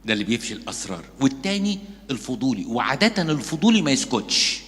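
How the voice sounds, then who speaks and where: A man with an Egyptian Arabic accent preaches at a quick pace, slipping into the voices of the gossips and mockers he describes. His mid-pitched voice rings out with the long reverb of a church hall. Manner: lively storytelling, acting out gossips and mockers. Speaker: Coptic priest. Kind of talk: sermon.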